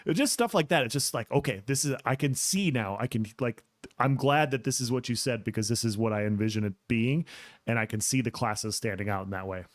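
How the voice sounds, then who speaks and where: A man's voice: mid-range voice, fairly quick, no room sound, studio quality. A man co-hosting a casual gaming podcast, laid-back and easily amused, with plenty of fillers. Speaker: podcast co-host.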